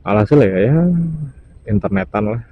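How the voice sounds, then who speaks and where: The helmet-mounted mic gives a lo-fi sound as a young man with a lowish voice talks at a moderate pace, casually commentating on his highway motorcycle ride for viewers. Engine and traffic noise come through clearly.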